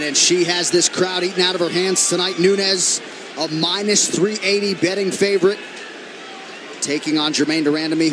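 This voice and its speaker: A man's voice: high-pitched, background noise. A man calling a live fight as a broadcast play-by-play commentator, with polished announcer phrasing. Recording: loud crowd roar over broadcast commentary. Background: roaring arena crowd.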